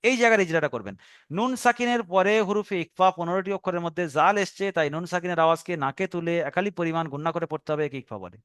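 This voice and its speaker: A man with a Bengali accent teaches a recorded Quran reading lesson, explaining each step patiently. His voice sits high and comes across smooth and clear. The sound is close and dry. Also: fairly bright tone, no room sound. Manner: patient step-by-step explaining, slow drawn-out recitation of example words.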